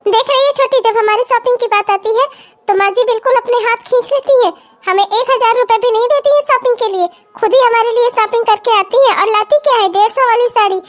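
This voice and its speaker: A jealous young cartoon daughter-in-law with a sharp tongue. She sounds sarcastic and whiny, in a piercing, very high voice. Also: fairly quick. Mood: complaining. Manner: sarcastic, complaining, falsely sweet. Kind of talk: cartoon comedy voice acting.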